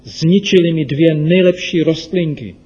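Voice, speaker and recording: A man voicing an upset, quick-tempered young boy in a children's radio story. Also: medium pitch, warm tone, slightly rough, dull audio. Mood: angry.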